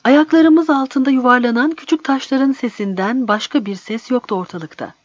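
A woman narrating a story in a slow, measured reading. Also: sits high, no echo. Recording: dry, slightly dull recording.

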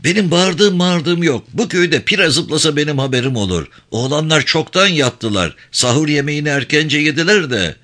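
A man voicing a loud, boastful village gendarme who mocks others. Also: on the high side, lively intonation, moderate pace, few pauses, pitched above the performer's own voice. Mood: blustering.

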